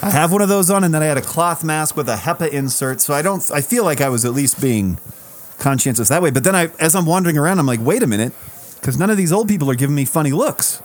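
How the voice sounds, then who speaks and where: A man's voice: on the high side, animated, fast talker. A man co-hosting a casual podcast, telling a self-mocking story and swearing loosely as he talks. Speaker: podcast co-host. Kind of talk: casual chat.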